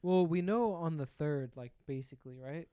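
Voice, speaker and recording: A young man chats on a podcast in an easygoing, teasing way, pausing on ums now and then. His voice is fairly high, smooth and resonant. The close mic gives a dry sound. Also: warm tone, dry recording. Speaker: podcast co-host. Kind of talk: casual chat.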